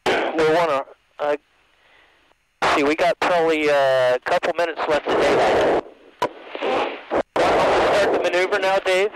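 A man commanding a spacecraft crew over the intercom, calm and giving terse orders. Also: fairly high pitch, a little slow, long pauses. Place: spacecraft cockpit. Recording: crackly radio with hiss.

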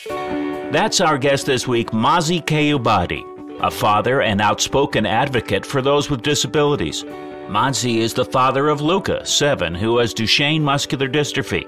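A man's voice: mid-range voice, expressive, moderate pace, music in the background. A man announcing a podcast's sponsor and guest in a polished, scripted delivery.

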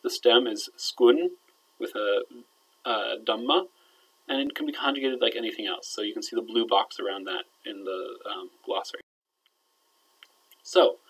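A male teacher walks students through a grammar lesson in an explanatory, conversational way. He keeps checking that they follow, and his phrases sink quietly at the ends. His voice sits at an ordinary middle pitch. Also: husky, poor audio. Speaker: Arabic teacher. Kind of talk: recorded grammar lecture.

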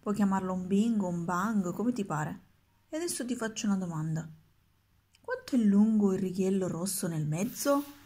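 A woman's voice: mid-range voice, lively intonation, moderate pace, dark tone, breathy edge. A woman voicing an impatient old male wizard of numbers in a storybook, by turns coaxing and triumphant.

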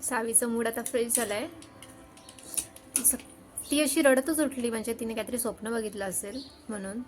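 High-voiced young mother, sing-song baby talk. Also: fairly even intonation, moderate pace, soft background music. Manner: switches between soft narration and high sing-song talk to her child. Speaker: mother vlogging her toddler's morning. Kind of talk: casual home vlog narration and baby talk. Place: home.

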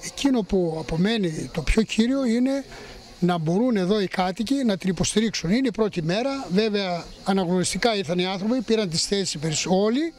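A man in his sixties speaking haltingly in a news interview, as a municipal councillor, into handheld microphones outdoors. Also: high-pitched, expressive, darkish tone. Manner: halting, with pauses mid-sentence. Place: outdoor street market. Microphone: handheld press microphones.

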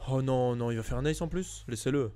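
A man, commenting casually on game clips, trailing into quiet asides and bursting into loud shouts. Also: fairly quick, soft background music. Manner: chatty, mumbles low asides, bursts into shouts. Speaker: gaming streamer reacting to clips.

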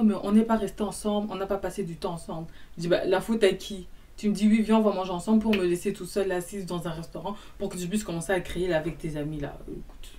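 Animated young woman telling a story. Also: fairly low pitch, distant mic. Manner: animated, acts out both sides of dialogue. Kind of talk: casual storytime monologue.

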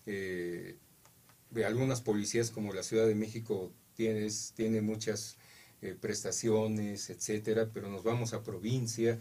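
A man with a Mexican accent, a police officer, answering questions haltingly with many fillers. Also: lowish voice, steady tone, mellow. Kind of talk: interview answers.

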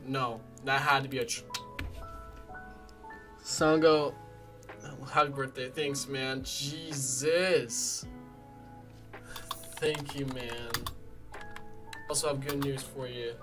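A game streamer reacting live during gameplay, emotional and swinging from soft murmurs to excited yelling. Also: medium pitch, slow pace, pauses often, over music.

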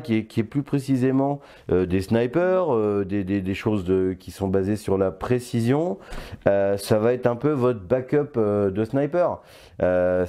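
A man's voice: on the low side, warm tone. An older man reviewing a toy blaster in casual, playful chat, often stopping to hesitate. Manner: chatty and playful, with many hesitations.

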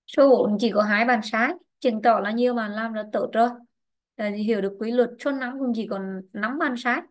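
Brief: female teacher, fairly high voice, online lesson, patient and prompting. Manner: patient, quizzing and prompting students by name. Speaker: English teacher. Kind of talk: online class, questioning students and explaining grammar rules.

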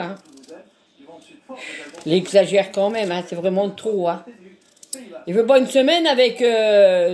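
A woman's voice: medium pitch, a little mellow. An older woman from France chatting casually while peeling vegetables, earthy and talkative, tagging her sentences with little asides. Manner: earthy, chatty, constant "hein" tag. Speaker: home cooking vlogger.

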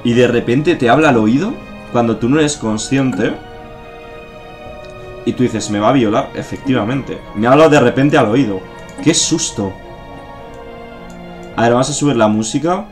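Faint game music plays behind this man, a streamer from Spain who comments casually on his game, joking, cursing and filling gaps as he thinks aloud. He speaks at normal speed in a mid-range voice, with long pauses.

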